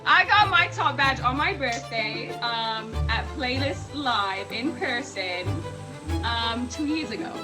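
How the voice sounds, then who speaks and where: A woman's voice: fairly high pitch, lively intonation, takes it slowly, over music. A woman from Miami giving casual, effusive interview answers as a guest, repeating herself for emphasis. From Miami, United States. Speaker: guest, award recipient.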